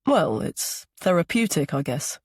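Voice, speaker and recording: A woman's voice: low voice, sing-song, unhurried, breathy edge, no echo, studio quality, exaggerated voice. Woman reading a charming, persuasive man. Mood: friendly. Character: charming, attentive grown man on a date.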